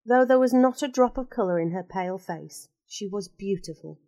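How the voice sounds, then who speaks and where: Woman narrator, storybook reading, expressive, mid-range voice, dry close sound. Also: mid-range voice, normal speed, dry recording.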